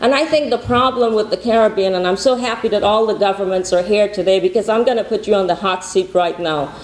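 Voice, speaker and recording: In an echoey conference hall, a Guyanese woman who founded the conference gives a rousing opening speech full of repetitive rallying lines. She talks fast in a mid-range voice.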